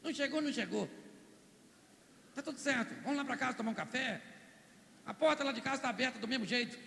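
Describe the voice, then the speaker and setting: A man's voice: very high voice, quick pace, gravelly, pushed and bright, slight background noise, heavily acted. A Brazilian man preaching, voicing Martha as a distressed but faithful woman who speaks plainly and pleads. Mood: pleading. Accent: Brazilian Portuguese. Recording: echoey hall, long reverb.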